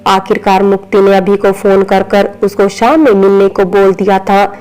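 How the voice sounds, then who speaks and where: A woman narrates a serialized romance story in a steady, unhurried reading voice. Her tone is mellow and relaxed, with nothing bright or sharp in it. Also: mid-range voice, poor audio.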